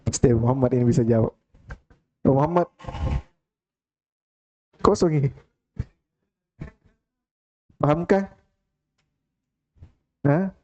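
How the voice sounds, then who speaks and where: A man's voice: medium pitch, expressive, takes it slowly, long pauses, darkish tone. A man, teaching Arabic grammar in a mosque study hall, quizzing students one by one by name and teasing them.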